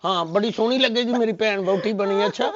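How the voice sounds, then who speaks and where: A man plays a young man who has turned girly, fussing like a shy woman. He speaks high. The recording sounds dull and lo-fi. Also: fast, over a noisy crowd, close to an everyday voice. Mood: soothing. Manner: fussy, coy, talks of himself as a woman. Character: young man suddenly acting girly and coy. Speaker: comic actor. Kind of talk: comedy sketch acting.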